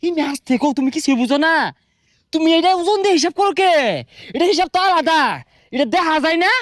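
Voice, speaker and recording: An actor playing a sly, boastful fuel hoarder in a comedy sketch, talking. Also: male voice, very high-pitched, fast. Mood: haggling. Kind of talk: comic sketch acting.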